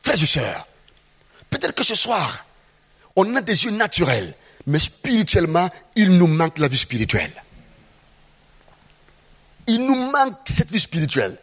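A man's voice: sits high, huge pitch swings, unhurried, pauses often, fairly bright tone, slightly rough. A man preaching a sermon, acting out scenes from the Bible and asking the congregation rhetorical questions.

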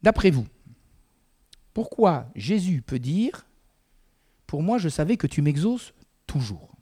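A man's voice: fairly high pitch, big pitch swings, slow pace, warm tone, husky. A man preaching a sermon in a conversational way, with frequent asides to the congregation.

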